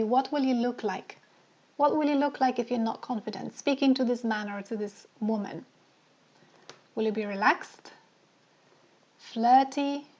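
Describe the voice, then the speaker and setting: A woman's voice: on the high side, lo-fi sound. A woman dating coach leading a live online session, asking the audience many questions and repeating her phrases for emphasis.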